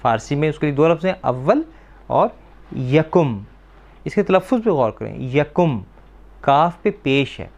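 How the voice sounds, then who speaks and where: A man teaching a language class for children, patiently repeating words slowly and quizzing the class on answers. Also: a little high, gravelly, a little mellow, dull audio. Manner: asks the class questions and confirms answers.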